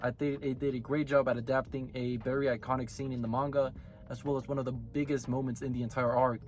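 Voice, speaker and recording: In his anime review video, a man rambles casually and keeps correcting himself mid-sentence. Being sick leaves his ordinary, middle-pitched voice hoarse and raspy throughout, with soft music faintly underneath.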